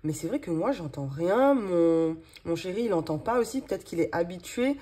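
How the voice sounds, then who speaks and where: This woman in her thirties vlogs about budgeting, chatting loosely with many fillers as she sorts her monthly cash envelopes. Her voice is lowish, mellow, and husky, expressive at a moderate pace, and carries a regional French accent.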